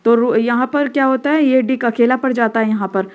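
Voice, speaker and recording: A woman's voice: fairly high pitch, brisk. A woman with an Indian accent, teaching a school textbook lesson and switching between Hindi and English, explaining step by step and checking that students follow.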